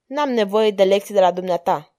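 A woman's voice: fairly high pitch, expressive, darkish tone, close to an everyday voice. A woman voicing a proud, defiant young princess who answers with cold, cutting words in an audiobook reading. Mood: haughty. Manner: cutting, haughty replies.

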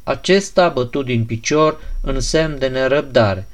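A man narrating an audiobook in a measured, even storytelling voice. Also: mid-range voice.

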